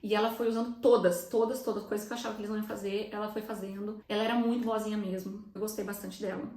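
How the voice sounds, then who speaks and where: A woman's voice: medium pitch, flat delivery, warm tone, roomy sound. A young Brazilian woman with a Brazilian Portuguese accent telling viewers a personal story in a chatty vlog style, emotional and close to tears. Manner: chatty, fast, often addresses viewers directly. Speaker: vlogger recounting her birth.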